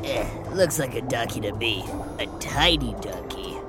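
A woman's voice: a bass voice, expressive, normal speed, music in the background. A woman playing a chatty, put-upon sidekick who hosts a children's adventure story in a theatrical, conversational way. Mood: wry. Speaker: story host. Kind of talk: animated children's story narration.

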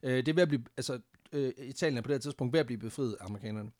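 A man's voice: medium pitch, a little mellow, no echo, clean studio sound. A man casually telling a history story on a podcast, laughing often and swearing freely, with English phrases mixed in.

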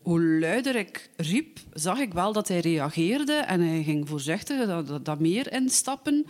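A woman with a Flemish accent telling a personal story aloud, lively but with frequent hesitations and fillers. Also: fairly low pitch. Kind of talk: personal anecdote told aloud.

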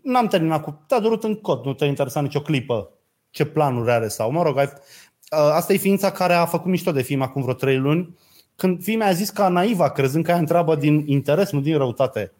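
Middle-aged guy, husky voice, swings up and down a lot, sarcastic rant. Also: fairly high pitch. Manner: animated storytelling, blunt and sarcastic. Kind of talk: casual chat.

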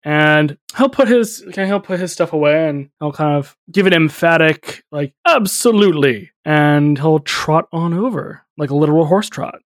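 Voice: medium pitch, normal speed, few pauses, no echo, clean studio sound. A game master narrating a tabletop role-playing game, describing scenes with small asides and laughs.

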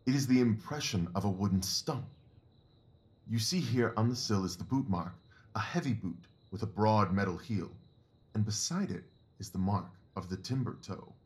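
In an audio drama, a male actor with a lowish, somewhat dark voice close to everyday speech plays a keen, confident Victorian detective. His delivery is animated yet precise and deliberate, with an absorbed, brisk mood.

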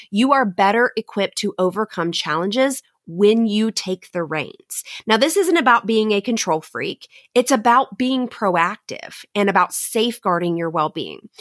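A woman's voice: medium pitch, a bit bright, dry recording, clean studio sound. A woman hosting a motivational solo talk for teachers, speaking in an earnest, direct and encouraging way. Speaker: podcast host and teacher coach.

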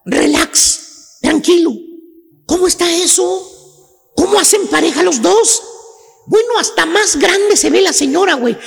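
Shouting slangy Mexican comic host. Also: male voice, very high-pitched, gravelly. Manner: rapid, slangy, shouting, laughing. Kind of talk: comedic rant on a radio talk show.

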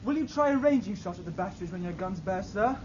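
An actor playing an excitable, flustered junior naval messenger in a period audio drama, hasty and deferential. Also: male voice, sits high, fast. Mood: eager, dutiful. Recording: dull, distant, very noisy battle background.

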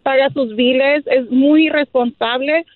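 A woman's voice: high-pitched, fairly even intonation, measured pace, dry recording. Woman caller on a tinny phone line. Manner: earnest, repeats herself. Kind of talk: phone-in chat.

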